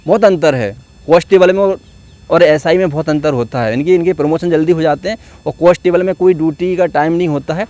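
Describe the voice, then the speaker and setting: A man's voice: on the high side, fast talker, dark tone. A man coaching at a police exam academy speaks. His tone is earnest and encouraging as he praises his students, like a teacher rallying his class outdoors. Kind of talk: motivational talk with students.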